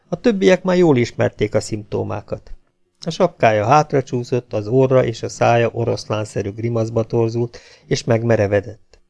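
A man reading an adventure novel aloud as an audiobook narrator, with a steady, slightly dramatic delivery. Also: mid-range voice, vocal fry, dull audio. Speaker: audiobook reader.

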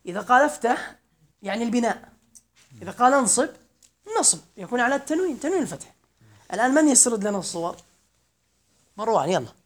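A man teaching a grammar class, talking at a fast clip. He recites lines of verse in a measured way, then unpacks them and calls on students to answer. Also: very high voice, very animated.

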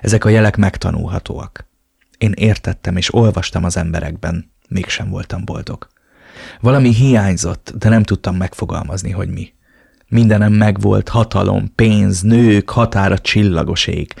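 Male audiobook narrator, very low and husky, dry close sound, brooding first-person read. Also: darkish tone, dry recording. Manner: brooding, inward.

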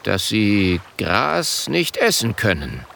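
A man's voice: on the low side, wildly swooping pitch, vocal fry, pushed and bright, a little hiss or hum, exaggerated voice. A man doing a grave, indignant sub-chief. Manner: grave, slow.

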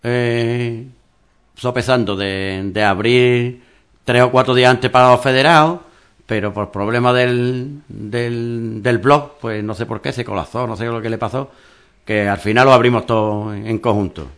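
A man's voice: mid-range voice, steady tone, unhurried, fairly bright tone, clean tone. A man who organizes a mountain race, talking it through in a rambling radio interview with many restarts.

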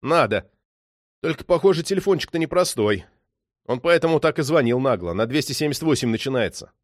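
A man voicing a hot-tempered police detective who shouts, swears and threatens. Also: mid-range voice, lively intonation, a little fast, dry recording, studio quality, close to an everyday voice. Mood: agitated.

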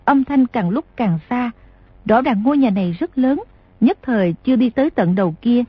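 A woman narrating an audiobook in a steady, measured reading voice. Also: fairly high pitch, slightly rough, no echo, lo-fi sound. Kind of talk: scripted narration.

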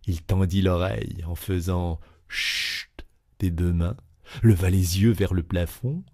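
A man reading a classic novel aloud in a measured, expressive narration. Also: deep voice. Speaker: audiobook reader.

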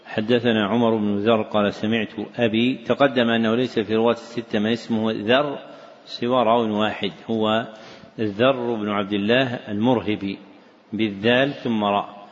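Low-voiced man explaining calmly. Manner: calm, measured explanation ending each point with a short acknowledgement. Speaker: scholar commenting on narrators. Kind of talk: explanatory lesson commentary. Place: large mosque hall. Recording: dull recording in a reverberant hall.

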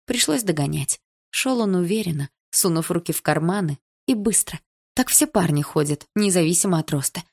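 Woman reading a first-person audiobook, low voice, lively and a bit sardonic. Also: slightly rough. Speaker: audiobook narrator.

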